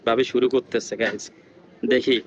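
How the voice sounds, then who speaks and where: A man vlogging with a rural Bangladeshi Bengali accent, keeping his voice low and hushed as he talks to viewers during an eating challenge in a village. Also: little pitch movement, moderate pace, highs cut off, slight background noise. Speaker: vlogger host. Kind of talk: casual vlog commentary. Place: village house outdoors.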